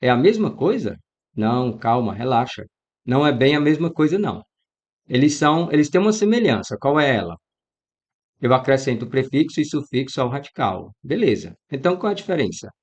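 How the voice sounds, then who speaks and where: Brazilian guy teaching grammar for exams, lively, talks right at the students, mid pitch. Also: brisk. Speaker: Portuguese teacher. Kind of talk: exam-prep grammar lesson.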